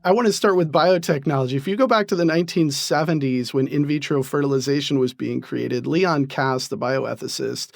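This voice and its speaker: A man, a professor, explaining ideas in an interview with lively, laughing asides. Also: on the high side, a little fast, vocal fry, hardly any pauses, no room sound, clean studio sound. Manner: animated, laughs while explaining. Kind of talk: interview answers.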